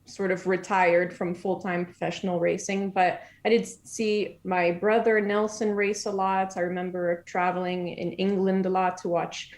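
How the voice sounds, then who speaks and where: A woman in her twenties, born in Germany and raised in France and Brazil, chats casually as a podcast guest and laughs easily. Her voice is on the low side with a flat delivery, at normal speed and with hardly any pauses.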